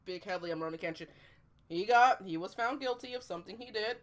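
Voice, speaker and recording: A woman hosting a podcast, playful and chatty, tossing in quick asides. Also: medium pitch. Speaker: podcast host. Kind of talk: casual podcast conversation.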